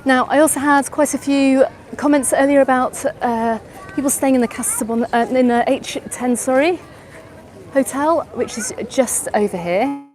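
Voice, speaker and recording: This travel vlogger is a middle-aged woman from England with an English accent, streaming live from a crowded seaside promenade at dusk while she gives a walking tour and responds to viewer questions. She speaks at a normal speed in a high, slightly mellow voice. Crowd noise, chatter, and traffic fill the background.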